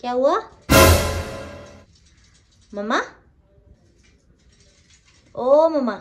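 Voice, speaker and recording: A woman's voice: sits high, lively intonation, very slow, a little mellow, highs cut off, faint music behind. A woman narrating her daily vlog in a chatty, teasing way, asking lots of questions. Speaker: vlogger. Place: at home and out running errands.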